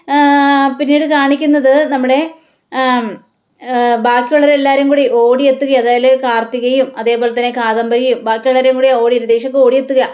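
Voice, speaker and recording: A woman's voice: sits high, a little mellow. A Malayali woman casually retelling a television serial episode, acting out the characters' lines in her own voice. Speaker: serial recap narrator. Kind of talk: casual storytelling recap.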